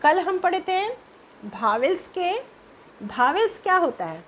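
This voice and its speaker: A woman's voice: very high-pitched, big pitch swings, measured pace, fairly bright tone, a little hiss or hum. A woman teaching English pronunciation, spelling words out letter by letter and asking the class questions. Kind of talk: slow spelling-out lesson.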